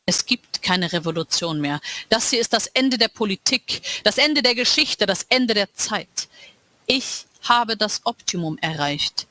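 A man's voice: sits high, no echo, full character voice. A woman voicing a cold, all-knowing male world ruler. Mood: cold commanding. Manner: slow, calm and lecturing. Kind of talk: dramatic reading of a novel.

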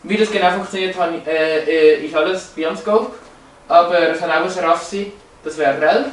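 Speaking at a moderate pace in a fairly high pitch, a man presents language features from slides. He hesitates a lot, restarting and using many fillers, and the sound comes from afar in an echoey, roomy space.

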